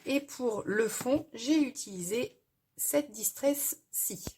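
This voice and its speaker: A woman hosting a casual crafting tutorial, explaining step by step in a hesitant way with frequent pauses and fillers. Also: fairly high pitch, background noise.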